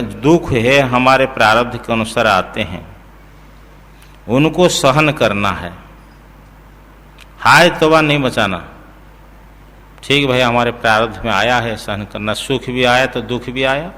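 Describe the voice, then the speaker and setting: A man as a spiritual teacher, giving a scripture discourse in a slow, explanatory way, chanting verses and checking that listeners follow. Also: medium pitch, animated, sharp tone, long reverb tail.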